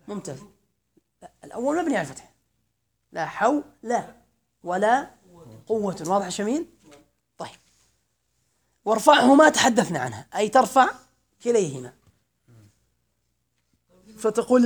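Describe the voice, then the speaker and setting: A man giving a classroom grammar lesson, slowly reciting verse lines, then explaining them and quizzing his students. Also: high voice, sing-song, slightly rough. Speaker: grammar teacher.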